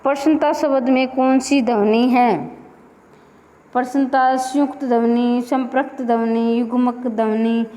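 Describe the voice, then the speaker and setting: Female grammar teacher, fairly high voice, drills exam questions in a reverberant room. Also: fairly even intonation, unhurried, warm tone. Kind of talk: exam-prep lecture.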